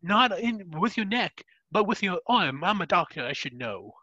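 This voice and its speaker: Young man playing a fussy doctor, pompous, high bright voice, dry dull sound. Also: big pitch swings, normal speed, husky, dry recording, exaggerated voice. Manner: pompous, flustered.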